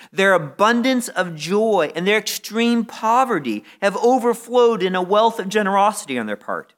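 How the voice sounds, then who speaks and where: A man's voice: sits high, a bit bright. A man preaching a sermon, earnest, often repeating a word before finding his phrase. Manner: earnest, repeats words when stuck, rises in intensity on key phrases. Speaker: pastor.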